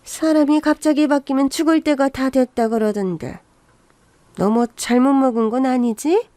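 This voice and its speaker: A woman's voice: high voice, normal speed, dark tone, no echo, close to an everyday voice. A woman voicing a bossy, scornful older mother-in-law who nags and scolds, as part of a radio story reading. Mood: scolding. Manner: scornful, nagging.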